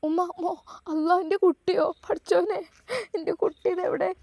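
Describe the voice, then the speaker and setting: A woman's voice: extremely high pitch, steady tone, moderate pace, creaky, warm tone, no echo, voice pushed up. A woman voicing a tearful elderly mother, pleading and repeating herself.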